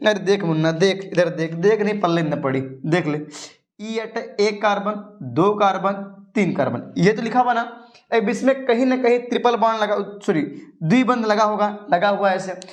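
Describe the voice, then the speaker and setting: A high-voiced male chemistry teacher runs a casual coaching class. He is chatty and coaxing, and keeps firing questions at his students before answering them himself. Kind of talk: casual coaching lesson at a board.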